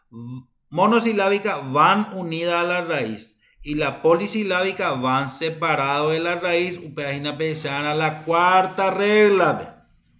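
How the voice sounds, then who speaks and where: A woman teacher with a Paraguayan accent giving a recorded university lecture, unhurried and halting, often repeating her phrases. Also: fairly low pitch, a bit bright.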